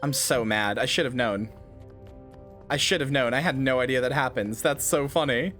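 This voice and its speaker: A game streamer chats casually about the game he's playing, his mid-range voice at a moderate pace over faint background music. He rambles, filling his talk with fillers, swearing and loud outbursts.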